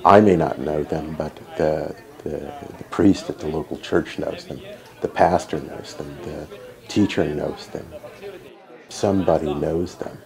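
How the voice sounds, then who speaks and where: A man's voice: extremely low pitch, a little slow, creaky, darkish tone. A man speaking in an interview, thoughtful and repeating words as he works through his point.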